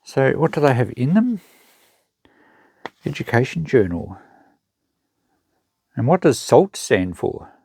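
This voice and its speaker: This Australian unboxing host, also a secondhand shop seller, shows off items while thinking aloud in casual, matter-of-fact, unscripted commentary. His medium-pitched voice is slow, creaky, dark and breathy-edged, with big pitch swings and frequent pauses. The studio-quality recording has no room sound.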